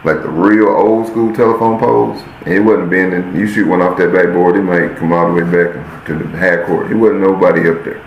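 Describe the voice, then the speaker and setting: A man with a very low, gravelly voice tells a story on his podcast in a loose, casual way, calling out "y'all" to his listeners and acting out each scene. The sound is roomy and echoey, with a faint hiss underneath. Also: fairly even intonation, brisk, few pauses, dull audio. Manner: addresses listeners as "y'all", acts out scenes while telling. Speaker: podcast host.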